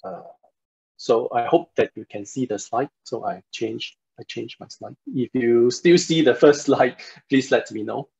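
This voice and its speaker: A man's voice: medium pitch, measured pace, creaky, darkish tone, husky. A man in his forties from Singapore, giving an online university lecture, polite and hesitant with many fillers, heard through a computer mic on a video call. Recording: dull lo-fi video call audio.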